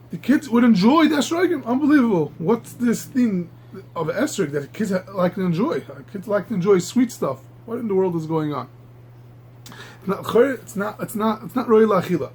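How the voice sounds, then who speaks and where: A man teaching a Talmud class, halting and repeating words, marveling aloud at the texts. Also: high voice, a little hiss or hum. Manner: halting, repeats words while reaching for the next; animated, marvels aloud at the text. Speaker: Torah teacher.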